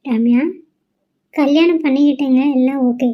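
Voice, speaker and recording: A woman doing a loud, scolding mother. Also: sits high, steady tone, normal speed, muffled recording, close to an everyday voice. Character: worried, scolding middle-aged mother. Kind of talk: cartoon voice acting.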